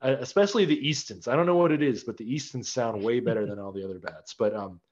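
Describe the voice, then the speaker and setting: A man's voice: medium pitch, quick pace, a little mellow. Laid-back guy, dull lo-fi audio. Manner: laid-back, filler-heavy rambling. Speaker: podcast host. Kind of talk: casual sports chat.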